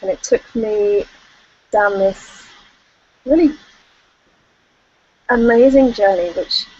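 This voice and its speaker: A woman's voice: mid-range voice, a little mellow, a little hiss or hum. Lady coach telling her story on a call, chatty, lots of ums, muffled lo-fi sound. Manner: chatty and candid, with frequent fillers and laughter. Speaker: life coach speaking at an online event. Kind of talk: personal storytelling on a conference call. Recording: dull lo-fi call audio.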